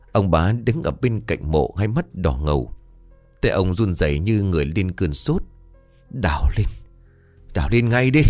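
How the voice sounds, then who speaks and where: Deep-voiced man telling a ghost story. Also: no echo. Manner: dramatic, expressive. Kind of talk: scripted ghost story narration. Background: faint music.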